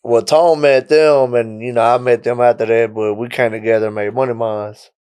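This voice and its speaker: Smooth-voiced man, laid-back storyteller. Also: medium pitch, moderate pace. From Mexico. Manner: relaxed storytelling, frequent "you know what I'm saying". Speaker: rapper guest. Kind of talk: casual podcast interview.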